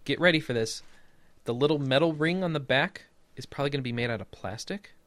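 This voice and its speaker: A man's voice: mid-range voice, quick pace, fairly bright tone, no room sound. A man in his twenties hosting a casual gaming podcast, wry and teasing, laughing often. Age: 20s. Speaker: podcast host.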